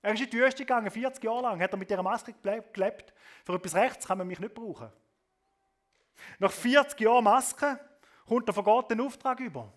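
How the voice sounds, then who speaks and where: Man, preacher, high voice, sermon delivery that swings between loud emphasis and soft asides, tag questions. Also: fairly quick. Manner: often adds a questioning "oder?" tag.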